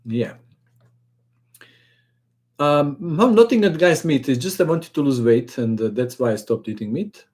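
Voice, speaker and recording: A man's voice: medium pitch, animated, a little slow, long pauses, a little mellow. A man hosting a chess channel, chatting casually and jokingly as he reads out and answers viewer questions on a live stream.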